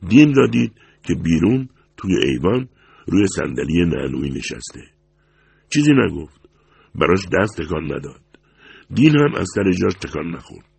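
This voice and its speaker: A man with a gravelly voice narrating a story steadily, close to the mic. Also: low-pitched, a little mellow, no room sound. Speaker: audiobook narrator.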